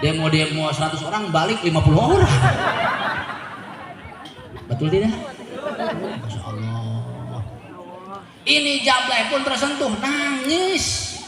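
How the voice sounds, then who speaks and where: Preacher guy cracking jokes, pitched a little up, crowd loud behind him. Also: sing-song, slow, creaky, long pauses, background noise. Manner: joking, quizzes the audience. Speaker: Islamic preacher. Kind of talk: humorous sermon. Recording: echoey hall with loud crowd.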